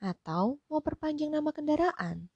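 A woman's voice: sits high, expressive, no echo, lo-fi sound, voice pushed up. Woman voicing a stern rich lady near fifty. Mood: brisk, firm. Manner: sharp, firm, quick to take offense.

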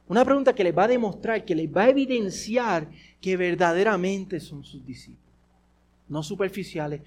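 A male pastor whose voice sits high delivers a sermon, repeating rhetorical questions and alternating between forceful and hushed speech.

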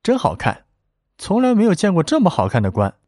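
A man voicing a bold young girl who talks quickly, chirpily and artlessly. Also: sits high, wildly swooping pitch, darkish tone, no echo, clean studio sound, pitched above the performer's own voice, exaggerated voice. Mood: teasing. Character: giggling bold young girl, cheeky and fearless.

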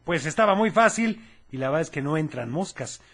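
High-voiced man hosting a kids' show. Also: expressive, fairly quick, fairly bright tone. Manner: cheerful, talks straight to children. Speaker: host of a children's radio show. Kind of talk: children's radio show hosting.

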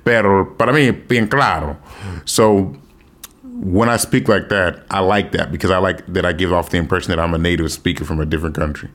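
A man's voice: sits low, steady tone, quick pace, a bit bright. A man from the United States chatting casually and slangily, with some swearing and bits of Spanish mixed in. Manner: slangy, profane, mixes in Spanish phrases. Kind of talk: casual chat about language learning.

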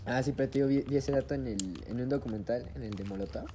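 A man's voice: mid-range voice, fast, noisy background. A young man with a Mexican accent, co-hosting a podcast in casual, slangy chat, joking around and trailing off mid-thought. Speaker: podcast co-host.

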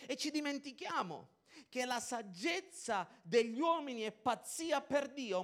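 A high-pitched man delivers an animated sermon. He acts out little dialogues, swinging between shouted emphasis and quiet, confiding asides. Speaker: preacher.

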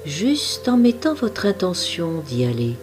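Low, slow, calm meditation guide woman. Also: over music. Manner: soft, calm, unhurried instructions.

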